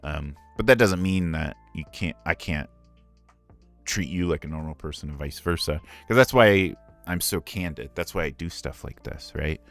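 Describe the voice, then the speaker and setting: Deep-voiced man chatting candidly on stream. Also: moderate pace, soft background music. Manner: candid, earnest, rambling with frequent asides. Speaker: streamer and ASMR voice actor. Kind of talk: casual live-stream Q&A.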